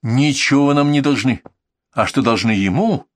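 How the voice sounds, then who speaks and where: A man's voice: medium pitch, normal speed, no room sound, clean studio sound, pitched above the performer's own voice, lightly acted. A man voicing a stern middle-aged woman doctor who lectures and scolds a patient's family. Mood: lecturing.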